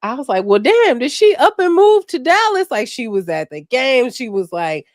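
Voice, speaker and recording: A woman's voice: high voice, normal speed, dry recording, studio quality. A woman, hosting a casual live chat and telling stories with laughter. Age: 30s. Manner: laughing, animated storytelling. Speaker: podcast host.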